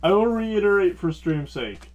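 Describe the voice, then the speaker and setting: A man's voice: high voice, lively intonation, normal speed, muffled recording, noisy background. Rambling, filler-heavy male host. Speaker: podcast host. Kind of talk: casual chat.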